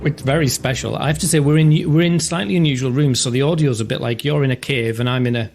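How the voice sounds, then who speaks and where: Male podcast co-host, medium pitch, plenty of vocal fry, informal, dry self-deprecating wit. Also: quick pace, a little mellow, soft background music. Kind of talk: casual podcast chat.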